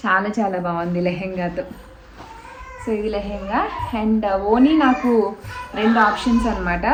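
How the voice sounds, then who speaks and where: A woman chatting casually in a home vlog as she shows off a parcel, slipping English fillers into her talk. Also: medium pitch. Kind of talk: casual show-and-tell vlog. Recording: roomy home room with faint background noise.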